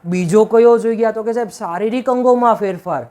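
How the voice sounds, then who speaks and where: A man's voice: high voice, a little fast, a little mellow. A male teacher gives a classroom-style video lesson. He keeps asking questions and answering them himself, and often checks with "right?". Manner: repetitive, emphatic, checks with "right?".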